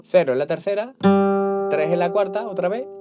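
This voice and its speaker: A man's voice: high voice, animated, normal speed. A man teaching flamenco guitar, patiently explaining and counting beats, often checking in with "¿vale?". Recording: guitar playing loud behind voice.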